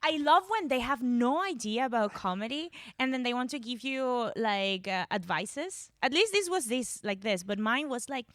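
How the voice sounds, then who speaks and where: Woman, young adult, podcast co-host, slightly high voice, casual, laughs often, dead-dry sound. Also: animated, normal speed, few pauses, fairly bright tone, dry recording. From Venezuela. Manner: laughs often, swears, trails off searching for words. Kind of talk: casual chat.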